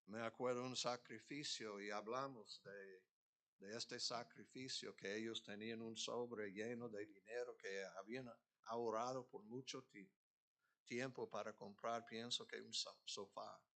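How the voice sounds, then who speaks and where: A man's voice: on the low side, steady tone, unhurried, fairly bright tone. A man preaching a sermon as pastor, earnest, building to emphatic peaks. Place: church.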